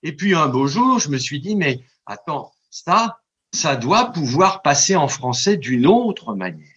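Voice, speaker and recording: Husky and fairly high-pitched, a translator and scholar of ancient Greek talks about old languages in a radio interview, taking his time to explain at length. The audio is muffled and lo-fi. He digresses, makes lots of stammering restarts, and livens things up by reciting verse.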